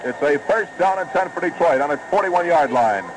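On a noisy old radio broadcast, a play-by-play announcer calls a football game live. His fairly high voice has lively intonation and turns brisk, climbing as the action builds.

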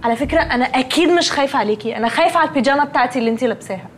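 A snippy young roommate who cares about fashion, played by a woman, scolding in a high, quick Egyptian voice. Her lines come out rapid-fire and clipped. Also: soft background music, lightly acted. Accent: Egyptian Arabic.

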